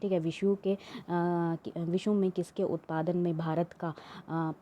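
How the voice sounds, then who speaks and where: A woman's voice: fairly low pitch, fairly even intonation, measured pace, dull audio, a little hiss or hum. A woman teaching an exam-prep lesson, reading questions aloud and explaining them with many fillers and restarts.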